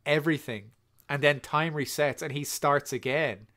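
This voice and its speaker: A man's voice: on the high side, bright, forceful tone. Joking man on a podcast. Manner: joking, teasing, quick bursts. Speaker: podcast co-host. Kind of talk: casual movie commentary chat.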